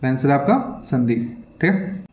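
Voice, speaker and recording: A man's voice: mid-range voice, animated, a little slow, darkish tone. A male teacher hurriedly reading exam questions aloud and explaining the answers to students, often checking in with them. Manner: repetitive, keeps checking in with "theek hai". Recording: echoey room, dull lo-fi sound.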